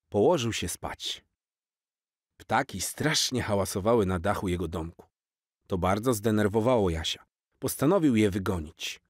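A man narrating a children's story in a clear, expressive reading. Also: on the low side, no room sound, clean studio sound.

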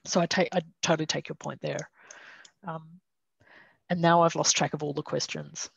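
Woman, fifties, gravelly, husky, dry close sound, emphatic, headset. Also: low-pitched, fairly even intonation, normal speed, no echo, muffled recording. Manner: emphatic, rhetorical questions. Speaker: seminar presenter. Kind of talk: academic discussion on a video call. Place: home study, indoors. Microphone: headset on a video call.

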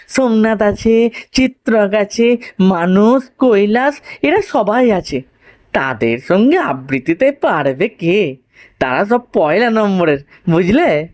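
A woman's voice: medium pitch, big pitch swings, slow, a little mellow, no echo, clean studio sound. A woman voicing a shy, reluctant schoolboy in a story reading, hesitant and doubtful.

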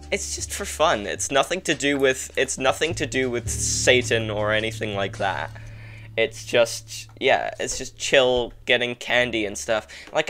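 A young Englishman, guesting on a podcast over a video call, chats casually and rambles, saying "like" constantly and laughing often. His voice is medium-pitched with a fairly bright tone.

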